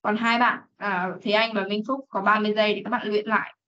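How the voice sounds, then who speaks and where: A woman teaching an English class over a video call, reading sentences slowly for students to repeat and correcting them firmly. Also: medium pitch, little pitch movement, bright, forceful tone. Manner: reads English slowly for repetition, scolds firmly. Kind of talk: online class instruction. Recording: dull lo-fi meeting recording.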